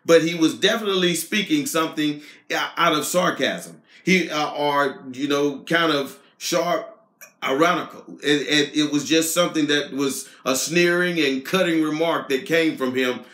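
Earnest guy teaching sunday school, bit high voice, echoey room. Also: moderate pace, a bit bright. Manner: earnest, explanatory. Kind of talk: Bible lesson.

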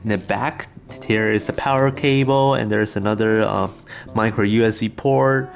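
Unboxing a gadget off the cuff for his vlog, a thirty-something man sits in a small home dining room with the camera on the table or at arm's length. He speaks at normal speed in a gravelly, lowish voice with fairly even intonation, while music plays in the echoey room.

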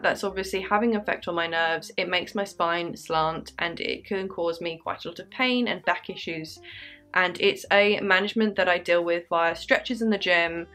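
A woman's voice: fairly low pitch, a bit bright. English girl in her mid twenties doing a q&a vlog, chatty and upbeat, bit of music under it. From England. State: dry throat. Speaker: YouTuber answering viewer questions. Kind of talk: casual Q&A vlog. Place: bedroom with candles.

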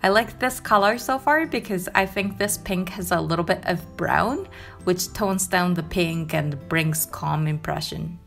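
A young woman from Japan with a Japanese accent, narrating her knitting vlog in a calm, gentle, chatty way; English is not her first language. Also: lowish voice, measured pace, gravelly, soft background music. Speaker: knitting vlogger. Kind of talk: voice-over narration.

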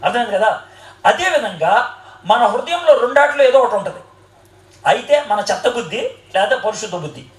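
A man with a very high voice preaches a sermon to a live audience. He quizzes his listeners and jokes with them as he teaches. His voice rings around a roomy hall. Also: animated, normal speed, pauses often.

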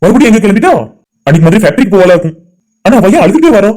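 A man's voice: high voice, big pitch swings, very fast, over music. A man voicing a lovestruck young man who talks to himself, anxious and eager. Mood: worried. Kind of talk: amateur cartoon voice acting.

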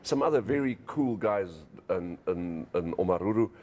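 A man's voice: sits low, expressive, moderate pace, a little mellow. A middle-aged man with a Namibian accent, hosting a casual interview chat. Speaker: talk show host. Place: small indoor lounge set, seated on a couch.

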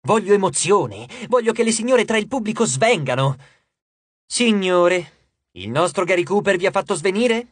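Brief: a man doing a theatrical schoolboy showman, bossy and hammy, lively raised pitch, dry close sound. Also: moderate pace, no echo. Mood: theatrical, imperious. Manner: hammy stage-director delivery.

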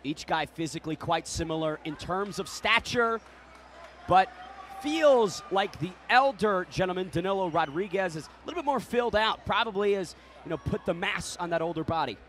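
A man's voice: high voice, animated, normal speed, a bit bright, slight background noise. A man doing live play-by-play commentary on a fight.

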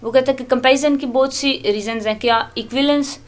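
A woman giving a recorded lecture, explaining English grammar in Urdu. She reads the English examples out slowly and often corrects herself mid-sentence. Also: high-pitched, fairly even intonation.

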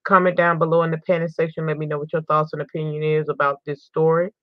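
This crime news host has a low-pitched, flat delivery at a quick pace, with no room sound. Reading an article aloud, she interjects indignantly, repeats words for emphasis, and occasionally stumbles and starts over, all in a dull, dry lo-fi recording.

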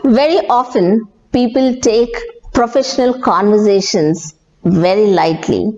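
A woman's voice: medium pitch, steady tone, measured pace, a little mellow. A woman with an Indian accent explaining communication skills to camera as a presenter. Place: bare small office, seated. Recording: echoey room, dull sound, faint noise.

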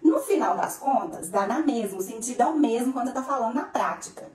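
A woman teaching English grammar to Portuguese speakers, lively, slowing down to spell out each English example. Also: a little high, recorded from a distance. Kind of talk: explaining grammar to camera. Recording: echoey room, a bit off-mic.

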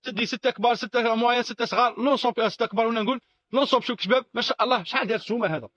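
Rapid high-voiced Algerian salesman. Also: a bit bright. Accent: Algerian Arabic. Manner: repetitive, insistent pitching with frequent exclamations. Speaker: shop salesman. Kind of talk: product showcase sales patter. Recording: dull lo-fi recording.

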